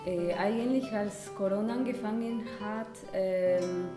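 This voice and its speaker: A woman painter chatting in an interview, halting with many fillers. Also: mid-range voice. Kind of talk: casual interview chat. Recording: roomy room with music behind.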